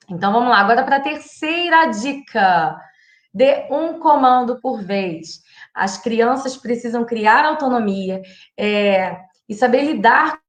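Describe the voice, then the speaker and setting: Her fairly high voice sounds roomy as this thirty-something Brazilian psychologist talks parenting on a live stream. She's chatty and direct, has a Brazilian Portuguese accent, and acts out phrases parents might use with children.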